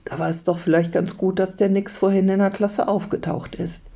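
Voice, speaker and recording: Gravelly-voiced woman teacher reading aloud. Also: mid-range voice, normal speed. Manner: calm, steady storytelling. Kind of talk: reading a children's book aloud. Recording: dull lo-fi recording.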